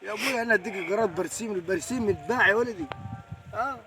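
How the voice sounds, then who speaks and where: A man playing a gruff farmer, scolding and threatening a neighbor over his clover. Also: high-pitched, very fast, a crowd in the background.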